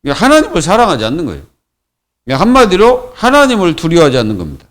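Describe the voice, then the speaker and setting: A man's voice: high-pitched, huge pitch swings, quick pace, fairly bright tone. A man preaching a Friday sermon as pastor, in a colloquial, repetitive way with many fillers. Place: church.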